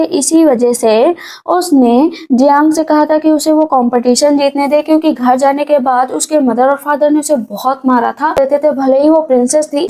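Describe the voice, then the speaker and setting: A woman's voice: high voice, warm tone. A woman narrating a casual recap of a drama's plot, chatty and full of fillers. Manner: chatty, filler-laden retelling.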